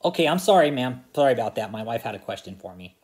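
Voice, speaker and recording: This scam-baiter vlogger, a man in his thirties, has a medium-pitched, sing-song voice with a darkish tone and a quick pace. On a phone call indoors at home, he sounds courteous and unsure, making asides to a phone or laptop camera close in front.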